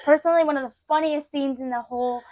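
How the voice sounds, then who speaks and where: Young female co-host, high voice, casual chatter with fillers. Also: fairly even intonation, fast talker, darkish tone. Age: young adult. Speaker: podcast co-host, daughter. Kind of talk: casual chat and reading plot summaries.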